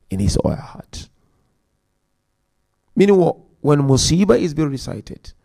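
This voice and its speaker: With a medium-pitched voice marked by vocal fry, this man speaks at a Muharram majlis, enumerating his points in order. He chants Quranic verses rapidly, and his delivery shifts from loud stresses to soft side remarks.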